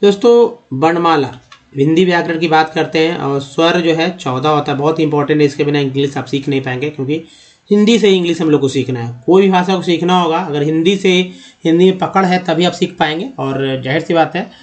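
A man explaining a lesson, slowly repeating and drawing out each sound as he talks through examples. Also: on the high side. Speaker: English teacher. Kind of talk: classroom-style spoken lesson.

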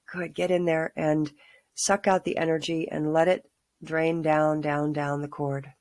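A middle-aged woman leading a calm guided grounding exercise, giving soothing, unhurried instructions with pauses. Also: low-pitched. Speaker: meditation guide. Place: small room at home, indoors.

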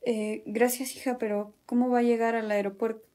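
A woman acting out comedy skits with animated, exasperated scolding. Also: on the high side, normal speed. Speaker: comedy sketch creator.

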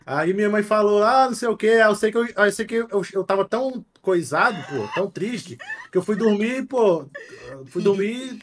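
A man's voice: high-pitched, normal speed, fairly bright tone, a little hiss or hum. A man chatting during a gaming stream, telling crude stories full of swearing. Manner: profane, joking storyteller. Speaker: guest streamer. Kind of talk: casual gaming stream chat.

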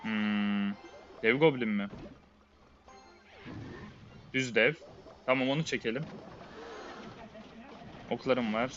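A man's voice: mid-range voice, takes it slowly, long pauses, fairly bright tone, highs cut off, faint music behind. A man giving a live, muttered running play-by-play while he plays a game, often exasperated. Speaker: game streamer. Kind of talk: live gameplay commentary.

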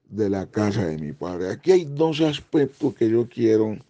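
An older man preaching a recorded sermon as a pastor, slow and emphatic, with frequent exclamations. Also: on the low side, sing-song, warm tone, lo-fi sound. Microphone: close-up camera, head and shoulders framing.

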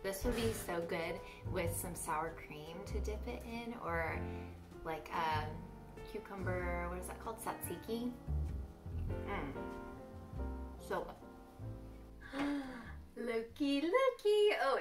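A woman's voice: fairly low pitch, expressive, slow pace, pauses often, reverberant, over loud music. A young woman hosting a casual cooking vlog, chatting upbeat to the camera in her home kitchen. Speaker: host.

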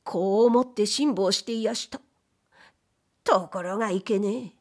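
A woman narrates period fiction for an audiobook, taking on the role of a humble, fearful male ghost who once dealt in wastepaper, using courteous, mournful old Edo townsfolk speech. She speaks unhurriedly in a mid-range voice.

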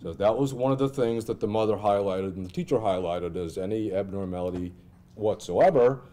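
A middle-aged American man giving an informal lecture with a software demonstration, thinking aloud and asking rhetorical questions. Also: lowish voice, a little fast. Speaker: instructor presenting clinical simulations. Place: indoor classroom at a lectern.

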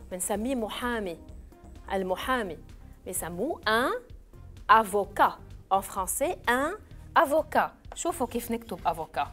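A woman teaches French vocabulary in a TV lesson, her fairly high voice rising and falling a lot. She drills each word slowly and spells it letter by letter. Soft music plays in the background. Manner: slow, clearly spelled-out drilling of words. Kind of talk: televised classroom lesson.

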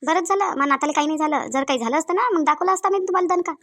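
A woman voicing a shrill, angry middle-aged mother in a cartoon, with a Varhadi Marathi accent, taunting and scolding. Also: rapid-fire. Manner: taunting, shouting, mocking quotes.

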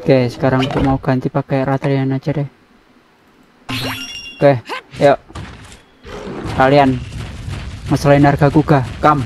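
A man giving casual let's-play commentary on a video game, excitable and repeating words in quick bursts. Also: medium pitch, background noise. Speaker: gameplay commentator. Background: game music.

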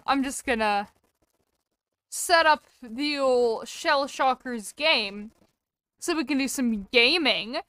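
A woman's voice: sits high, a bit bright, clean tone, dry recording. Chatty woman streamer, heavily compressed mic. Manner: chatty, rambling, self-deprecating asides. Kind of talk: casual live-stream chat while gaming. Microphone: desk mic with software compressor.

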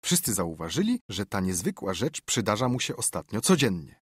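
A man narrating an audiobook with expressive storytelling into a studio mic. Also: fairly low pitch, normal speed, breathy edge, no room sound. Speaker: audiobook reader. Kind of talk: scripted narration.

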